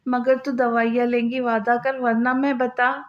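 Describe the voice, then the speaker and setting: A woman's voice: fairly high pitch, little pitch movement, measured pace, lightly acted. A woman reading the lines of a firm, caring older caretaker in an audio novel, insistent in tone. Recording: slightly dull lo-fi audio.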